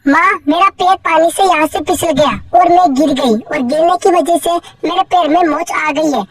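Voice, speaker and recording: A woman's voice: very high-pitched, expressive, normal speed, sharp tone, no echo, heavily acted. A woman voicing a young girl in a cartoon, pleading and tearful.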